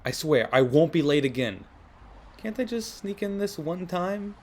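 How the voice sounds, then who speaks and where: Man playing animated, high-voiced teenage Spider-Man. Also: a little slow. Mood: earnest. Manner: wry, youthful. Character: teenage boy superhero, wisecracking, guilt-ridden, earnest.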